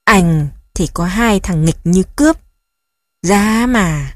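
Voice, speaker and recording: A woman voicing a flattering male lover who coaxes and soothes. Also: on the low side, slow, no echo, studio quality. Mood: soothing. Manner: coaxing, flattering. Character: smooth-talking male lover, coaxing.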